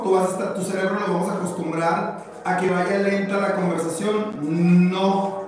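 Upbeat high-voiced teacher, echoey hall. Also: male voice. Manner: upbeat, encouraging, mixes Spanish and English, slows for dictation. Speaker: English teacher. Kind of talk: live online English class. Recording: echoey hall, far from mic, music behind.

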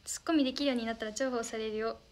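A young woman hosts a casual idol livestream, reading viewer comments aloud in a bubbly, polite manner and thanking people often. Her voice sits on the high side, with a steady tone, and she talks very fast.

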